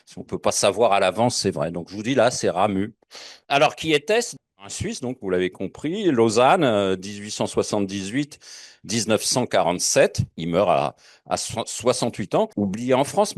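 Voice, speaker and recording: A man with a fairly low voice gives a lecture to an audience. He wanders into asides and fills his pauses with hesitations. The sound is dry, with no room echo. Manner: digressive, many fillers and asides. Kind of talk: public lecture.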